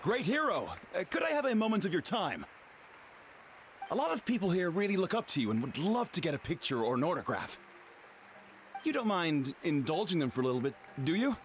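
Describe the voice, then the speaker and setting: A man's voice: sits high, sing-song, a little fast, a little hiss or hum. A man voicing an eager, courteous young festival herald in a video game, with polite announcer-like enthusiasm. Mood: friendly, eager. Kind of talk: animated video game voice acting. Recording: music behind the voice.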